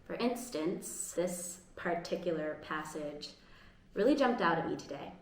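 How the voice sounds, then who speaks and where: An American woman casually vlogs from home in a fairly low, expressive voice, speaking a little slowly. She sounds earnest and upbeat and sometimes restarts her sentences. The room is echoey, with faint ambience and slight background noise.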